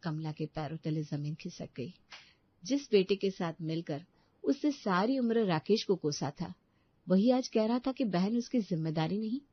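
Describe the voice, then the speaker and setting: A woman narrating a family moral story in an even, measured way. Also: lowish voice, slightly rough, no echo, highs cut off.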